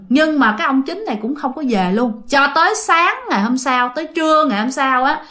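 A woman's voice: high voice, bright, forceful tone. A woman with a Southern Vietnamese accent, a channel host telling listener ghost stories in a chatty way, speaking straight to her audience. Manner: chatty, addresses listeners directly. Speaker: storyteller host. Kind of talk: ghost story narration.

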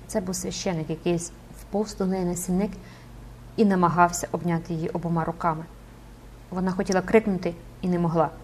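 A woman's voice: fairly low pitch, steady tone, fairly quick, a little mellow. A woman narrating an audiobook dramatically and expressively, rising with the action.

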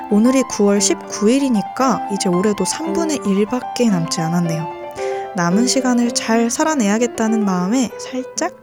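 A young woman hosting a radio book show in a polite, neatly enunciated announcer style, addressing listeners. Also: medium pitch. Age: young adult. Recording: music under the voice. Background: background music.

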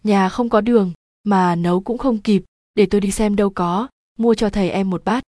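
A woman's voice: mid-range voice, fairly even intonation, moderate pace, dark tone, no echo, studio quality, natural voice. A woman reading the part of a sweet-talking young village wife who wails with false tears. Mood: wailing. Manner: honeyed, wailing.

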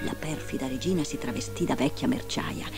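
A woman reading a fairy tale aloud in an expressive, dramatic storybook style. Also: rumbling low, brisk, gravelly, music in the background.

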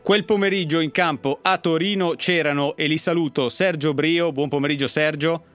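A man's voice: fairly high pitch, fairly even intonation, moderate pace, a bit bright. A man hosting a sports radio show, presenting to listeners and putting questions to guests.

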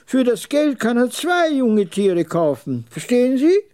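A man playing a proud old camel dealer in a radio story, his voice jagged and raspy like a worn blade, pitched high above a reading voice. He speaks in curt, mocking phrases with a lofty swing to the pitch, looking down on everyone around him. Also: very animated, measured pace, warm tone, heavily acted. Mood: boastful.

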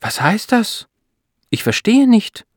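Soft astonished wife in a storybook reading, a man pitching his voice up for her. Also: steady tone, a little slow, no room sound, clean studio sound, close to an everyday voice. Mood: anxious. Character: bewildered young wife, adult woman.

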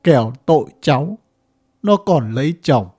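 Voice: mid-range voice, animated, moderate pace, mellow, husky, faint music behind, pitched below the performer's own voice. A reader voicing a bitter, cursing old villager. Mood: pleading. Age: older. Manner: ranting, grieving, coarse cursing. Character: bitter old village man, former cadre. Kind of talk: audiobook character voice.

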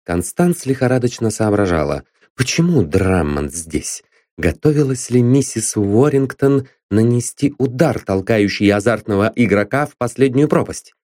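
A man reading an audiobook aloud as narrator, with an expressive, dramatic delivery. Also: medium pitch, normal speed, no echo, clean studio sound.

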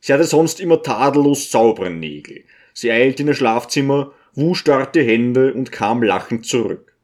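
A man reading a novel aloud as scripted narration, in a measured, steady way. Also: mid-range voice. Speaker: audiobook reader.

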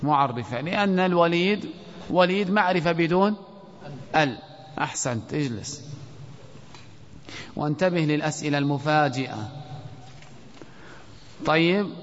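A man teaching an Arabic grammar lesson in a classroom, quizzing his students and reciting verse slowly. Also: high-pitched, fairly bright tone. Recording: dull lo-fi audio with long hall reverb.

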